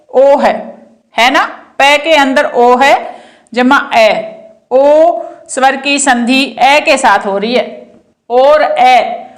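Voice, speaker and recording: Middle-aged woman teacher, high voice, unhurried, patient, repeats sounds for students. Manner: slow, patient, repeats syllables for pupils. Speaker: Hindi grammar teacher. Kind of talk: classroom grammar lesson.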